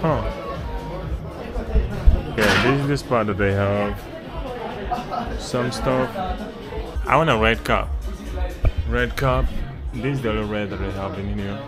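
A man vlogs while walking through a busy shopping mall, rambling casually to himself and to passersby as loud music plays. His voice is on the low side, and he moves slowly through his commentary with long pauses. A loud crowd can be heard around him.

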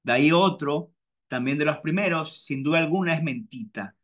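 A man talks easily and chattily as the host of his own storytelling podcast. His voice is bright and sits a bit high. He circles back and repeats phrases as he goes. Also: normal speed. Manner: chatty, repeats himself, mimics friends with high-pitched voices. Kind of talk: casual personal storytelling monologue.

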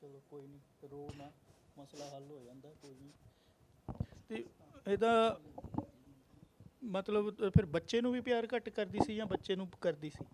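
Gentle male reporter, high voice. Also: expressive, moderate pace, long pauses, background noise. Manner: gentle questions, constant murmured hums. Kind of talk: news interview.

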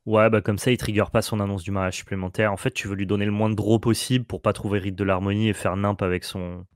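Low-voiced man coaching a card game. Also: dry recording, studio quality. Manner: coaching, quick and excitable. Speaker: co-host advising the player. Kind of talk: casual gameplay commentary.

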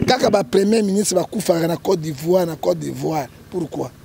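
A Congolese-accented prophet guest makes emphatic political remarks in an interview, leaning on scripture and constantly asking "hein?". His voice is on the high side and warm with vocal fry, at normal speed, over a faint hiss or hum.

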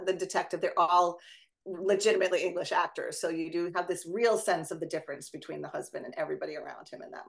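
Chatty woman leading a video call discussion. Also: on the low side. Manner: chatty, digressive, quick asides. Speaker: discussion leader. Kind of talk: casual academic discussion over video call.

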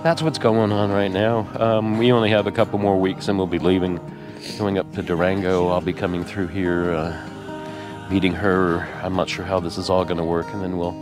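A lower-voiced man talking to his viewers in a rambling, halting way, his voice tearful and broken by ums and pauses. Music plays clearly underneath him. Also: little pitch movement. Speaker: RV vlogger. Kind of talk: casual vlog talk to camera.

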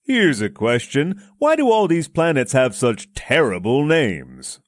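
A man's voice: medium pitch, huge pitch swings, a little slow, dry recording, clean studio sound. A man hosting a scripted podcast with a jokey, sarcastic manner. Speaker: podcast host.

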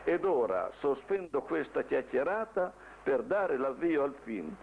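Middle aged north guy doing a polite formal intro, creaky voice, muffled old film sound. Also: a little high, sing-song, unhurried, a little hiss or hum. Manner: formal, courteous. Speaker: presenter introducing his own amateur newsreel. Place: indoors beside reel-to-reel tape machines.

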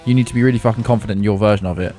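A man's voice: fairly low pitch, fairly even intonation, very fast, warm tone. A man co-hosting a gaming video, dropping wry asides and casual swearing. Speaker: gaming channel co-host.

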